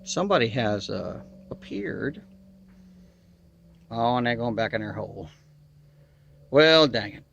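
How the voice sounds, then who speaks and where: A man with a gravelly, creaky voice and a Southern American accent, talking casually to his camera outdoors. His speech has a nasal twang and a folksy drawl. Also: mid-range voice, a bit bright, no echo. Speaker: outdoor video maker. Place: outdoors in river bottoms.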